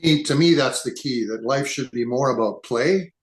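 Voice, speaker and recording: An English-born man in his seventies is a guest on a podcast, giving a relaxed conversational interview. He talks thoughtfully and rambles, often restarting sentences, in a medium-pitched voice at normal speed, recorded in an echoey room.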